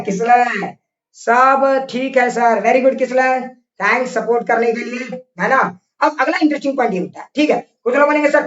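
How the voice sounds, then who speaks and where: A man's voice: extremely high pitch, lo-fi sound. Scolding male physics teacher in a distant, roomy recording. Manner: scolding, repetitive drilling with constant check questions. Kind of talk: online class lecture. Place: online class over internet.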